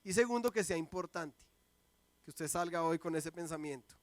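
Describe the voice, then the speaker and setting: A man in his thirties, a pastor, preaching a sermon and telling family stories with lively, acted-out quotes. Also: on the high side, normal speed, no echo. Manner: lively storytelling, acts out quoted voices. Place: church sanctuary.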